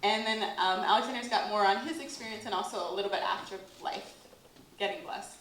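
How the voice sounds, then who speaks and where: An American woman in her late thirties, a workshop speaker, gives a casual talk to an audience in an echoey event hall. Her mid-range, slightly bright voice moves fairly quickly, chatty and full of "like" fillers, and she laughs often. A little hiss or hum is audible.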